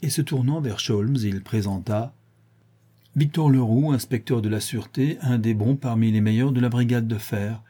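A man reading a classic novel aloud, measured and storytelling, lifting his voice for the dialogue. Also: mid-range voice, mellow, slightly rough. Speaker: audiobook narrator. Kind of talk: scripted narration of a classic novel.

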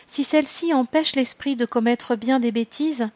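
Gentle wise spirit guide, read by a woman. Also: high voice, normal speed, no room sound, natural voice. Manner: patient, gently admonishing.

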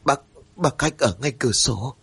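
A man's voice: medium pitch, lively intonation, normal speed, fairly bright tone, husky. A man voicing a frightened young village wife in a spoken ghost story, trembling and pleading. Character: terrified young village wife, guilt-ridden.

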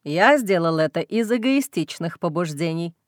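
A woman voicing a young male werewolf alpha, intense and tender, in a lowered, hushed voice for an audiobook. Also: expressive, normal speed, no echo, studio quality, close to an everyday voice. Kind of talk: audiobook reading.

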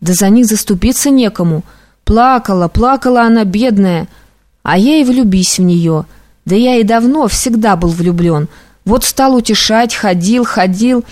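A woman reading aloud, voicing an emotional young male clerk who pleads and rushes his words. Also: mid-range voice, darkish tone, close to an everyday voice. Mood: tender.

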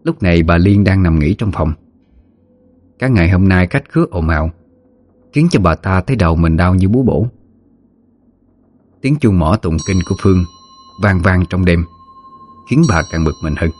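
A man narrating a ghost story in a steady, measured way. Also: low-pitched, slight background noise. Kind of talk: scripted horror story narration.

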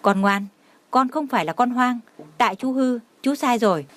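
A woman voicing a protective grown man in an audio story, speaking softly and soothingly. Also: fairly high pitch, normal speed, lightly acted. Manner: soft, soothing.

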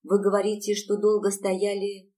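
A woman's voice: mid-range voice, monotone, moderate pace, mellow, voice pushed up, lightly acted. A woman reading the part of a young woman who asks urgent, probing questions, picked up from a distance. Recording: distant mic.

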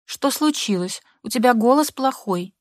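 A woman's voice: on the high side, expressive, moderate pace, no room sound, clean studio sound, voice pushed up, close to an everyday voice. A woman voicing a nagging older mother who pries and scolds her daughter, in an audiobook. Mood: scolding. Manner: insistent, scolding.

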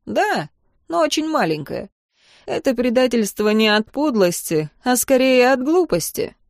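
A woman's voice: a little high, very animated, measured pace, no room sound, studio quality, pitched above the performer's own voice. A woman reading an audiobook, voicing a cocky, self-assured young man who talks in a smug, teasing way. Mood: advising. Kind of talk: audiobook narration.

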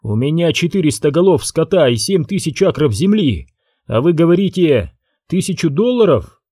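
A man's voice: a little high, sing-song, normal speed, dark tone, breathy edge, no echo, studio quality, voice pushed up. A man reading an audiobook, voicing a nervous, indignant rancher. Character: nervous, defiant male rancher.

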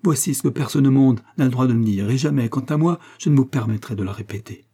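A man voicing a distressed, tearful young woman who speaks firmly and pleads, in a husky dark voice. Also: mid-range voice, animated, fairly quick, voice pushed up. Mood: distressed pleading. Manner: pleading, emotional.

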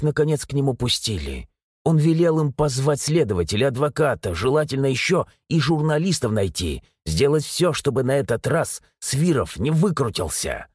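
A man narrating a dark novel as an audiobook, in an expressive storytelling manner. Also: mid-range voice, slightly rough, no echo, studio quality. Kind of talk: scripted narration.

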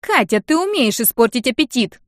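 A woman reading an audiobook voices a brash, sharp-tongued young woman friend who talks loudly and mockingly. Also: on the high side, very animated, moderate pace, no echo, studio quality, voice pushed up. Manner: loud, indignant, mocking.

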